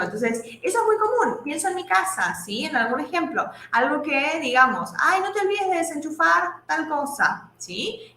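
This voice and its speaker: A woman gives an English lesson, her voice bright and her pitch moving a lot. She explains step by step and checks in with the class after every point. The room sounds echoey, with faint noise behind her. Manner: explains slowly, asks "¿sí?" after each point. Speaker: English teacher.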